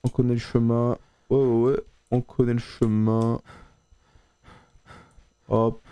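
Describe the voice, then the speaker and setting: Guy streaming a horror game all scared n excitable, slangy, mellow voice, really dry mic. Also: medium pitch, slow, smooth, no echo. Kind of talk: casual game streaming chat.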